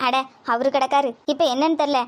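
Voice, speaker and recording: A chatty, soothing middle-aged aunt, played by a woman in a cartoon, speaking Tirunelveli Tamil in a high voice. She talks in a reassuring way. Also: steady tone, a little fast, close to an everyday voice.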